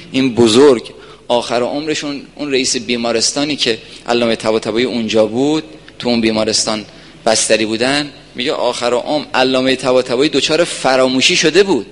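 A man giving an earnest religious lecture to a gathering, telling stories and swinging from soft asides to emphatic points. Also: medium pitch, a little hiss or hum. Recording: reverberant hall.

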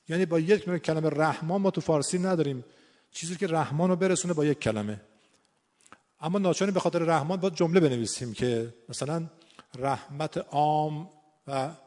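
A man with a fairly high-pitched voice talks in an earnest, explanatory way, weaving recited Arabic verses into his points. His voice carries a long reverb tail, as if he is speaking in a large hall. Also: a little mellow. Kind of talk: conversational explanatory talk.

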